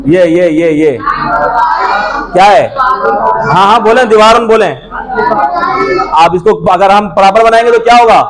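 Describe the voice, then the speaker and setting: A man teaching Arabic grammar to a classroom, loudly and prompting students again and again to answer. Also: high voice, poor audio. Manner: drills students with repeated questions and prompts; loud, projecting voice to a class.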